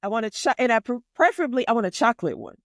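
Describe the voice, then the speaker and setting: Middle-aged woman, podcast co-host, animated and slangy, dry close mic. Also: a little high, racing, no echo. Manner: animated storyteller, slangy, emphatic repeats. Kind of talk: casual chat.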